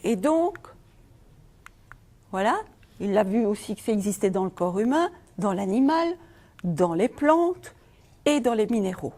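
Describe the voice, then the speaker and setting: A woman's voice: medium pitch, very animated, a little slow, pauses often, warm tone. A middle-aged Belgian woman giving a conference talk on feng shui, asking the audience rhetorical questions. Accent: Belgian French.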